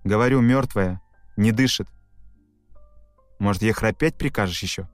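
A brusque official barks short, bossy questions in a low, sardonic voice, played by a male audiobook reader. The recording is dry and close, with faint music under it. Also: normal speed, no echo, natural voice. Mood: curt. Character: brusque, sarcastic official at a livestock depot. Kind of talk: audiobook reading.

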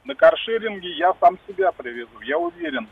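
A man's voice: sits high, sing-song, a little fast, creaky, breathy edge. Man on a poor, breaking-up phone line. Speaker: radio show caller. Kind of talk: casual call-in chat. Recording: muffled lo-fi windy phone line.

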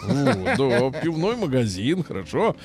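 A man's voice: medium pitch, very animated, a little slow, a little mellow, soft background music. A man hosting a casual morning radio show, reading news with ironic commentary and repeating words for emphasis. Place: radio studio.

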